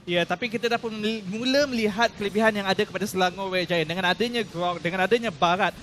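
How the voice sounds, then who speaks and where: Fast, very high-voiced Malaysian man. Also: fairly bright tone, slight background noise. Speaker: esports analyst caster. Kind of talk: live esports commentary with strategic analysis.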